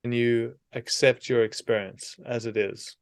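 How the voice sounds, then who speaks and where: Short, soothing phrases separated by long pauses mark this man's unhurried guided meditation. His mid-range voice holds a steady tone, and the recording is dry.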